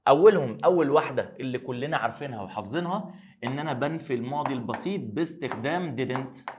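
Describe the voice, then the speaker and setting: A man with an Egyptian Arabic accent teaching English grammar to high school students, asking questions and then answering them himself, and slowing down to spell out the English words. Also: animated, darkish tone, slight background noise.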